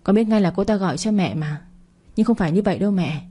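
A woman's voice: medium pitch, fast talker, dark tone, slightly rough, close to an everyday voice. A woman voicing a cold, sarcastic young male company boss in a storybook reading, curt and cool in manner. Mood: wry.

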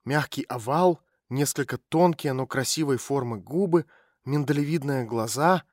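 A man's voice: medium pitch, normal speed, darkish tone, dry recording, clean studio sound. Man reading a detective audiobook. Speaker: audiobook narrator. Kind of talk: scripted narration.

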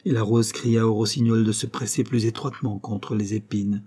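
Dark husky male storyteller. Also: lowish voice, steady tone, moderate pace. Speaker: narrator. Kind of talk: storybook reading.

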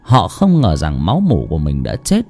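A man's voice: deep voice, huge pitch swings, normal speed, warm tone, soft background music. A man narrating an audiobook story dramatically.

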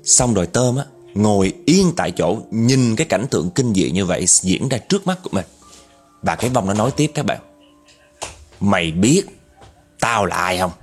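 A man's voice: lowish voice, very animated, fairly quick, a little mellow, faint music behind. A man with a Southern Vietnamese accent telling a ghost story in a chatty way, talking straight to his listeners. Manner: chatty, addresses listeners directly.

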